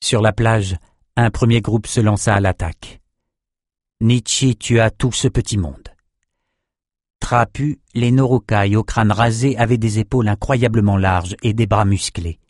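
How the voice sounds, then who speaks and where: A man narrating a fantasy story in an even, measured way. His voice sits low, and the recording is dry and close. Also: no room sound. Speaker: audiobook narrator.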